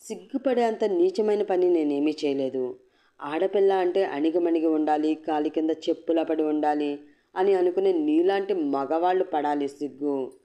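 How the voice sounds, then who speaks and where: A woman's voice: low-pitched, normal speed, warm tone, lightly acted. Woman voicing a defiant, cutting young woman. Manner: cutting, mocking, firm. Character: defiant young woman, sharp-tongued and unbowed. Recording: dull lo-fi recording.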